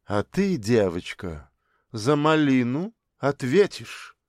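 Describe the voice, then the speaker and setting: A man's voice: mid-range voice, sing-song, takes it slowly, no echo, studio quality. A man reading an audiobook, voicing a stern, scornful middle-aged mother who scolds her children sarcastically.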